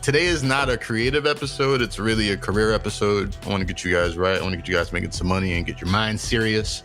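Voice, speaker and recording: Young male podcast host, low voice, casual and profane, animated storyteller. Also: quick pace, faint music behind.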